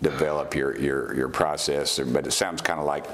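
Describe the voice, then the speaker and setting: A man's voice: extremely low pitch, fairly even intonation, moderate pace, a bit bright, a little hiss or hum. A middle-aged man, interviewing in a casual, folksy, informal way. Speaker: interviewer, host.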